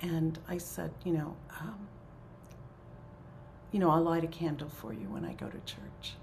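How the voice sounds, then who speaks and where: Woman leading a prayer circle: slow, soft, half-whispered, with a low gravelly voice and faint background noise. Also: wildly swooping pitch. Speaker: spiritual leader of a prayer circle. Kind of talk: gentle spiritual talk and prayer.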